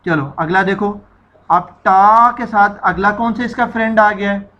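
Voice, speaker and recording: Slow, bright-voiced woman teacher. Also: medium pitch, highs cut off. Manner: slow, drawn-out syllables, repeating each sound for children to echo. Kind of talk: children's reading lesson.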